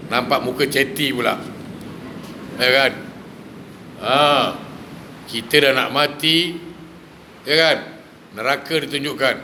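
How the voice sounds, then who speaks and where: Bright-voiced preacher. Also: male voice, mid-range voice, a little hiss or hum. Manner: lively, fires rhetorical questions at the audience. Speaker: religious preacher. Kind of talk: sermon with humorous asides.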